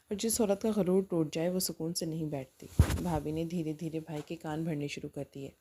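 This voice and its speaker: A woman's voice: deep voice, steady tone, background noise. A woman narrating a first-person dramatic story in an earnest, emotional manner.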